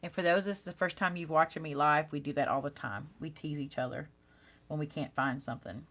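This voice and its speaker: A woman's voice: low-pitched, fairly quick, fairly bright tone. Chatty woman hosting a live craft stream. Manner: chatty, talks directly to live viewers; self-teasing, laughs at herself. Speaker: card-making channel host. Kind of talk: casual live craft demonstration.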